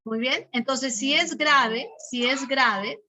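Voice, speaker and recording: A woman's voice: high-pitched, takes it slowly, noisy background. A woman teacher giving a class. She explains step by step, repeats key terms, and keeps checking in with short questions. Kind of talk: online class lesson.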